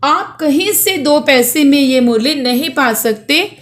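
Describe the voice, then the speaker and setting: Woman voicing a gentle male flute seller. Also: high voice, lively intonation, unhurried. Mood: earnest. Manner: coaxing, affectionate toward children.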